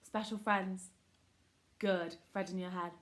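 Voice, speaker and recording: A woman's voice: medium pitch, steady tone, slow, a bit bright. A woman teaching a children's phonics lesson, giving short prompts, modelling words syllable by syllable and praising often. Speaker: primary school teacher.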